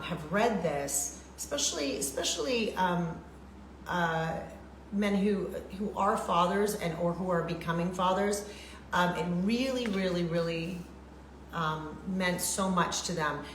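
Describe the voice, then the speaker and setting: A middle-aged woman hosting a casual livestream chat, talking chattily with many fillers and repeated words. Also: on the low side. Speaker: show host. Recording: echoey room with faint noise.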